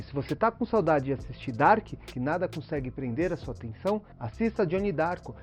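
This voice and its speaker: A Brazilian man with a lisp that slurs his s toward sh, hosting a video essay in a conversational, explanatory way with tag questions. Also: fairly high pitch. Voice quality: lisp, slushy sh-like s from tongue-tie. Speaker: video channel host.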